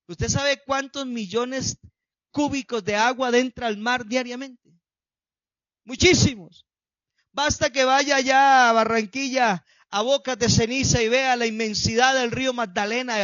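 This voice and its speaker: A pastor delivers a sermon in a high, lifted voice, jumping between shouted peaks and quiet asides. The sound is dry and close, with a slightly dull, muffled tone. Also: male voice, dry recording. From Colombia. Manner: preaching with sudden shouted peaks and hushed drops.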